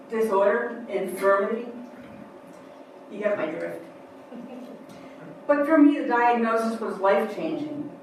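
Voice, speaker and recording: A woman's voice: on the high side, slight background noise. A woman performing a personal memoir in a wry, upbeat, conversational way, recorded from far off in an echoey room.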